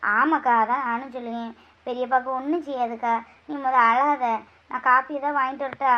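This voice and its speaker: A woman's voice: sits high, steady tone, brisk, a little hiss or hum, pitched below the performer's own voice, close to an everyday voice. A woman voicing a young female cousin who reassures and consoles her crying relative. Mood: consoling. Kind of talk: amateur family skit. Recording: dull lo-fi recording.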